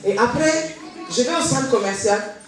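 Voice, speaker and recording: A woman giving a spoken testimony in church, telling her story in a lively way and acting out the voices of the people in it. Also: a little high, normal speed. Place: church hall. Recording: echoey hall from far off, faint noise.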